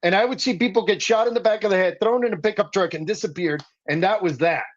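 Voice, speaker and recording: A man with a high voice and quick pace speaks as a guest activist in a political talk, impassioned and insistent, pressing his points harder as he goes. He grew up in the Dominican Republic, and the audio is muffled.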